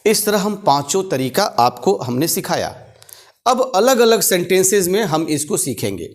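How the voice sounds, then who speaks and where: A man teaching spoken grammar, slowly repeating example sentences word by word. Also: sits high, sing-song. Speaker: English teacher. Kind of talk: spoken English lesson explaining grammar.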